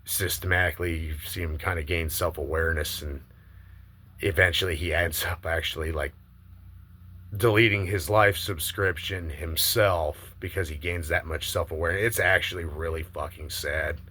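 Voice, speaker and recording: A man giving a casual, opinionated monologue, eagerly and emphatically pitching a movie idea with some swearing. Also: steady tone, moderate pace, bright, forceful tone, husky.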